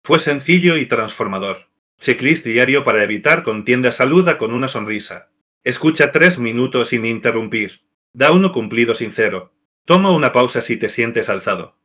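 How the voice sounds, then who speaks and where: A man narrating scripted devotional marriage advice in an even, measured list-reading delivery. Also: mid-range voice.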